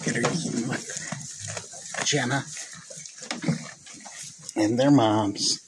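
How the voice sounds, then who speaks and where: A man chatting casually while filming his goats in a barn, rambling slowly and sometimes cooing to the animals in a high voice. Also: fairly even intonation. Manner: slow, rambling, talks to his goats in high baby talk. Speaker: goat farmer vlogger. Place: goat barn pen, indoors. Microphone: phone camera held by the speaker. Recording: noisy barn phone recording.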